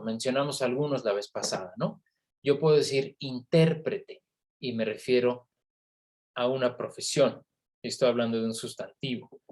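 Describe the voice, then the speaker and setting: Male lecturer, mid-pitched, explanatory, online class. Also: darkish tone. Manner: explanatory, with frequent tag questions. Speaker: university lecturer.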